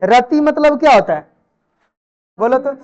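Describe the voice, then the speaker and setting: High-voiced woman teacher quizzing a class. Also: expressive, measured pace, a little mellow, dull audio. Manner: drills students with repeated questions and answers; chiding, familiar address to pupils. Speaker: Sanskrit grammar teacher. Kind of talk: live classroom teaching in Hindi. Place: classroom with students.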